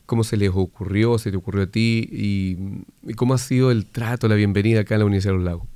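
A man's voice: on the low side, steady tone, fast talker, dark tone, clear, resonant tone, dry recording. A man hosting a weekly radio interview, friendly and conversational as he asks his guest questions. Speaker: radio host.

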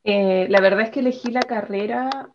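A woman's voice: mid-range voice, moderate pace, darkish tone, dull audio, a little hiss or hum. A young woman with a southern Chilean accent, a student guest answering interview questions in a friendly, hesitant way. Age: young adult.

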